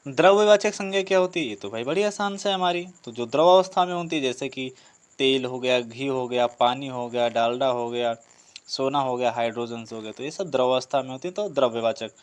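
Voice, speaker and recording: With a clean, mid-range voice, an Indian man leads an online grammar class for exam prep. He breaks things down step by step, repeats himself, lists examples, and poses rhetorical questions.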